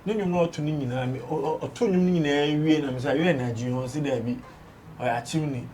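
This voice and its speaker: Speaking fast in a fairly high voice, a Ghanaian-accented man gives his take on a studio entertainment show, emphatically mixing Twi into his English. The recording is very noisy.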